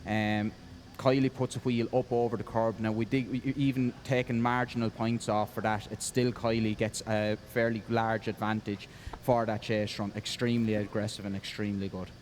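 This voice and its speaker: A man judging a motorsport contest, explaining the decision off the cuff in a measured, matter-of-fact way with pauses. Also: fairly low pitch, little pitch movement, darkish tone. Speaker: drift competition judge. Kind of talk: unscripted technical explanation of a decision. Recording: clear outdoor vehicle noise behind.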